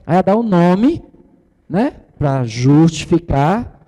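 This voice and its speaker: Middle-aged man, pastor-style teacher, somewhat high voice, mellow tone, reverberant room. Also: sing-song, takes it slowly. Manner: conversational, tag questions, mimics the people he quotes. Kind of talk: informal church teaching.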